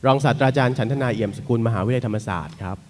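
A man's voice: medium pitch, background noise. Polite Thai man moderating a seminar. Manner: polite, unhurried, frequent particle "na khrap". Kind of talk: academic seminar talk, introducing panelists.

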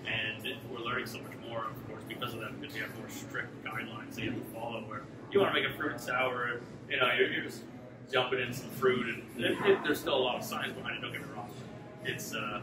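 This brewmaster is a fast talker with a mid-range voice, easygoing and chatty in his interview and leaning on lots of fillers. The setting is a brewery taproom with concrete block walls, echoey and filled with loud music. His words come through a camera mic placed a few meters away.

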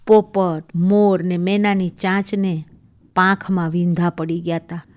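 A woman reads a story serial on the radio, telling it in the first person with a steady, measured delivery. Her voice sits at an everyday middle pitch, neither high nor low. She narrates calmly and clearly throughout. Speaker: story reader.

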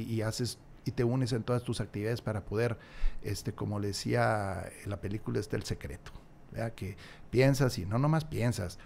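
A man's voice: medium pitch, gravelly, darkish tone, slight background noise. A man, a podcast guest who talks at length, acts out little dialogues and repeats key phrases for emphasis, recorded on a studio mic in a small room. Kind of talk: casual conversational interview. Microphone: large studio mic on a stand, headphones.

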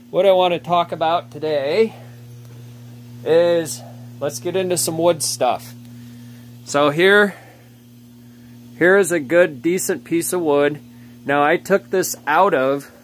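In a casual how-to vlog, a chainsaw carver in his thirties wanders his cluttered workshop and partly outdoor yard with a phone camera in hand, rambling comfortably about his wood. His voice is a little high, with slight background noise.

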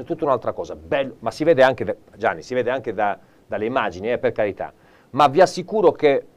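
A man hosting a live television shopping show. He pitches with theatrical enthusiasm in a mid-pitched voice, swinging between hushed confidences and big emphatic peaks. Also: dull audio. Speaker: TV shopping presenter. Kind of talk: live teleshopping sales pitch.

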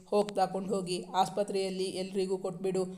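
A man voicing a caring mother and new grandmother, in an even storytelling tone. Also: high voice, a little fast, lightly acted.

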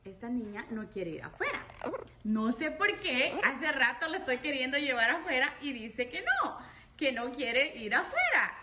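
A woman with a very high, lively voice talks slowly and tenderly to her pet parrots, coaxing them like a mother. She is recorded in an echoey room with clear background noise. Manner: coaxing, affectionate baby talk to her birds. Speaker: parrot owner and channel host. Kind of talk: casual chat to pet parrots.

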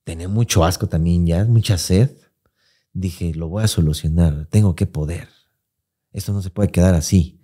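Low and a bit breathy, his voice moves at a moderate pace with a Mexican Spanish accent. He's co-hosting a podcast, recounting something that happened to him in loose, profane, slang-heavy talk. He animatedly acts out quotes from the people involved.

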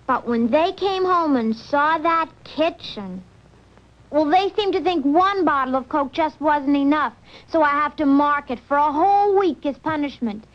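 A woman's voice: high-pitched, lively intonation, a little slow. A woman playing a breezy, chatty teenage girl with mock-innocent understatement in a vintage TV commercial. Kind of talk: 1960s TV commercial monologue. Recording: dull vintage TV soundtrack, faint music.

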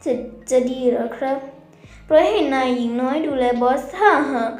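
A woman's voice: high-pitched, expressive, normal speed, warm tone. A woman voicing a loyal, deferential young male bodyguard in a manga dub. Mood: earnest. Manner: polite, deferential. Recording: echoey room, faint music.

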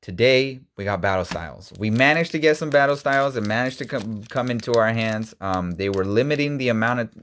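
A man's voice: mid-range voice, animated, a little fast, hardly any pauses, a bit bright, a little hiss or hum. A man in his thirties rambles casually while opening card packs, filling gaps with ums and restarting sentences. When something surprises him his voice leaps up. He is recorded indoors on a webcam with a desk mic. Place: indoor room, seen on webcam.

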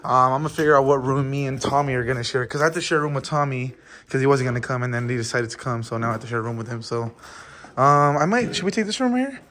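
A man's voice: mid-range voice, fast, sharp tone, slight background noise. A young man filming a casual road-trip vlog on his phone, loose, profane and joking with friends. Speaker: vlogger. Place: gas station, car and new house. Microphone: handheld phone camera.

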